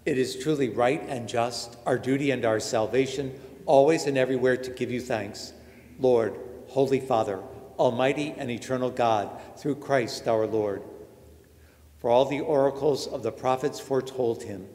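A man, a priest, reciting the prayers of Mass in a measured, solemn way, his voice ringing with a cathedral echo. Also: mid-range voice, darkish tone. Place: large church. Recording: long cathedral reverb.

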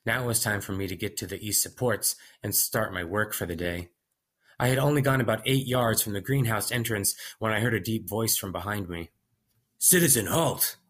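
A man with a low voice reads a first-person story aloud as an audiobook. His delivery is measured and steady. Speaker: audiobook narrator.

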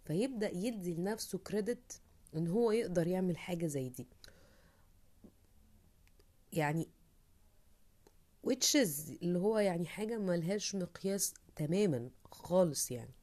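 A woman's voice: lowish voice, lively intonation, moderate pace, long pauses, a little mellow. A woman with an Egyptian Arabic accent, hosting a podcast in a casual, reflective monologue, thinking aloud and acting out inner voices. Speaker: podcast host.

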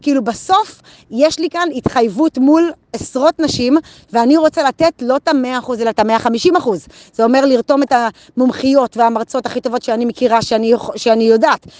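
A woman giving a casual motivational talk, telling a personal story with animated delivery and acting out her own thoughts. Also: sits high, no echo. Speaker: vlogger sharing a daily insight.

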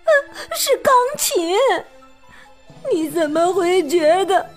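A woman's voice: very high-pitched, animated, slow pace, darkish tone, faint music behind, voice pushed up, exaggerated voice. A woman voicing a fragile female hippo in a storybook, who sobs and wails her hurt complaints. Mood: sobbing, wounded. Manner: sobbing, wailing complaints.

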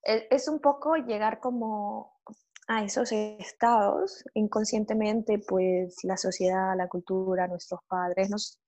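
A woman in casual conversation, telling an animated personal story with sudden cries and laughs. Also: mid-range voice, takes it slowly.

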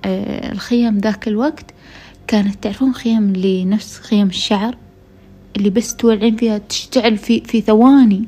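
With faint music behind her, a woman with a Gulf Arabic accent hosts a podcast and casually tells listeners a true story. Her medium-pitched voice is dark, steady and brisk, and weary from a week of illness.

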